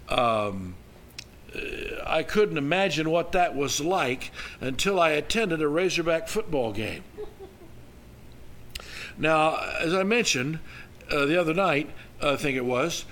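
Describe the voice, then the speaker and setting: A middle-aged or older man, telling a story in a folksy, animated, conversational sermon with halting restarts. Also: a little high, a little hiss or hum. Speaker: preacher.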